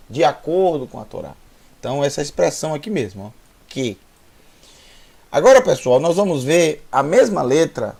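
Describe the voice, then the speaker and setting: A man with a Brazilian Portuguese accent teaching a Hebrew lesson online, drilling sounds slowly and repeating them. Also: on the high side, creaky, a little mellow. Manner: slow, repetitive drilling of sounds, with restarts.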